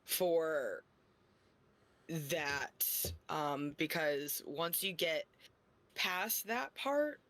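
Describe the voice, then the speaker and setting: A woman's voice: deep voice, animated, very slow, fairly bright tone. A woman co-hosts a book podcast in easy, casual talk. She teases the others bluntly and swears without a second thought. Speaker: podcast co-host. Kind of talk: casual book-club chat.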